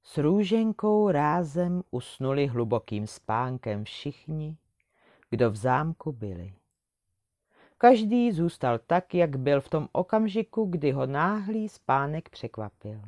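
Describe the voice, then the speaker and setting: Low-voiced woman reading a fairy tale. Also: no room sound, studio quality. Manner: expressive storybook reading. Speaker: storyteller.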